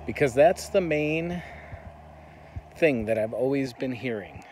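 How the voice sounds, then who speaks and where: A man's voice: mid-range voice, animated, a little slow, a little mellow, a little hiss or hum. A man with an American accent giving an earnest, reflective monologue as he walks and talks. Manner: earnest, reflective, talking while walking. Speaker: vlogger. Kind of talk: walk-and-talk monologue. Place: on the move while walking.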